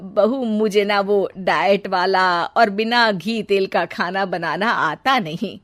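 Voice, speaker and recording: A woman voicing a gentle middle-aged mother-in-law in a cartoon story, speaking in a placating, reassuring way. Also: medium pitch, slow, dry recording, studio quality.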